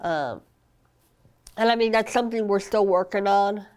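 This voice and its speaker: A young woman with a clean, darkish mid-range voice speaks at a moderate pace as a guest on a podcast interview. A mother of a child with a rare condition, she talks earnestly, peppered with "I mean" and "you know", and coughs occasionally as she recovers from an illness.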